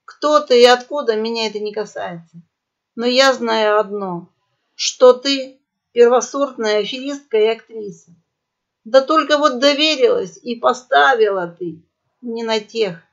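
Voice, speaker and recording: A woman's voice: fairly high pitch, measured pace. A woman voicing a harsh male boar pirate captain who barks orders in a menacing way. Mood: stern. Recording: dull lo-fi audio.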